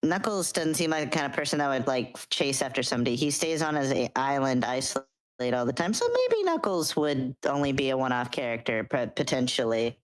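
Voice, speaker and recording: A woman's voice: a bass voice, big pitch swings, brisk, low-quality recording. A young adult woman co-streaming, talking through ideas in a casual discussion style.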